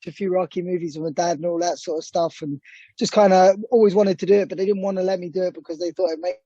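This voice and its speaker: Young English man, muffled dark voice. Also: high-pitched, fairly even intonation, fast talker, breathy edge, no room sound. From England. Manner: rambling, hesitant, many fillers and restarts. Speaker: boxer. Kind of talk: casual interview answers.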